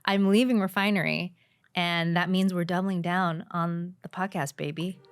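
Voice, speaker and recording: A woman co-hosting a podcast in casual chat, giggly and warm. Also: on the low side, steady tone, moderate pace, clean tone. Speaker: podcast co-host.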